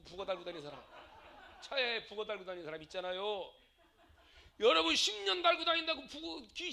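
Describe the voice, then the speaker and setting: Middle-aged male preacher, theatrical and expressive, high voice with wide swings in pitch. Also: vocal fry. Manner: dramatic, acts out quarrels and switches between loud and quiet. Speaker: pastor. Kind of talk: sermon.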